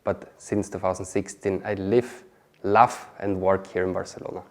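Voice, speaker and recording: A man's voice: low voice, steady tone, moderate pace. A man from Austria, a marketing specialist chatting as an interview guest, often adding "okay?" and "you know". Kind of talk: casual interview answers.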